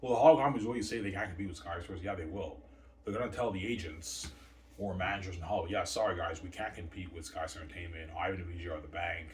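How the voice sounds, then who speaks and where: Deep and a little mellow yet rapid-fire, the voice belongs to a channel host in his thirties who rambles boastfully and casually. His points end with "right?" or "obviously," and the distant mic adds faint noise.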